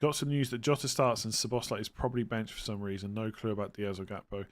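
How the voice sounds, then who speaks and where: A man's voice: on the low side, level tone, quick pace. Casual man with a West Country accent. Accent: West Country English. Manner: informal, matter-of-fact, reads questions aloud then answers. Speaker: fantasy football livestream host. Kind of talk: casual livestream chat answering viewer questions.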